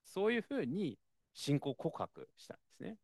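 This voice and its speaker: A man preaches a sermon in a chatty, expressive manner, sprinkling in fillers. His pitch swings widely and sits a bit high. The recording is dry and close. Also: normal speed, no echo. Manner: conversational, expressive, frequent fillers.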